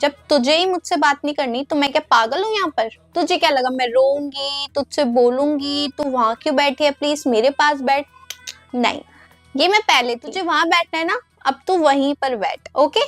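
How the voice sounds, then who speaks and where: A woman in a comedy sketch who talks in a scolding, sharp-tongued way. Her voice is high. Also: normal speed, no room sound, soft background music. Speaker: sketch performer playing a teacher.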